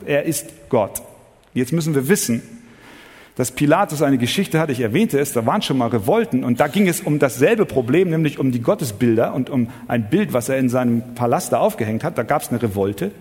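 A man preaching a sermon, swinging from loud exclamations to hushed, low passages. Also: husky. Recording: long hall reverb.

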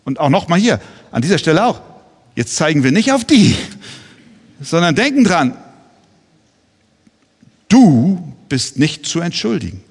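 A man's voice: a little high, very animated, a little slow, creaky, pauses often, slightly rough, long reverb tail. A man preaching a sermon as pastor, earnest and pressing his listeners with pointed rhetorical questions.

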